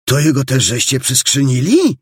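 A man voicing an excitable boy detective who yells his news in alarm. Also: mid-range voice, moderate pace, slightly rough, dry recording, studio quality, pitched above the performer's own voice. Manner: shouting, alarmed.

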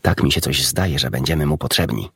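A man's voice: rumbling low, fairly quick, a bit bright, slightly rough, no echo, studio quality, full character voice. A man voicing an agitated, hot-tempered cat's-meat man who rants with indignation. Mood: urgent. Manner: indignant, outraged ranting.

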